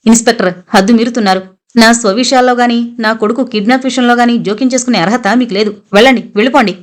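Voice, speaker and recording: A woman's voice: mid-range voice, fast, natural voice. Woman doing an indignant proud mother. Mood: furious. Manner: indignant, defensive. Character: proud, angry wealthy young mother.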